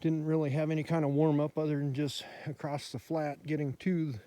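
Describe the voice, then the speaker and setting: A man vlogging outdoors in snowy woods, speaking plainly with pauses and sounding out of breath. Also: a little high, little pitch movement, dark tone, no echo. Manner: plain, unhurried talk with pauses. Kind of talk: casual outdoor vlog.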